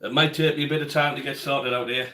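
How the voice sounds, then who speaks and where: A man's voice: medium pitch, steady tone, quick pace, sharp tone. A man hosting a casual cooking livestream from his home kitchen, chatting and answering viewers by name as he cooks. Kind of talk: casual live-stream chat while cooking. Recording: echoey kitchen room sound.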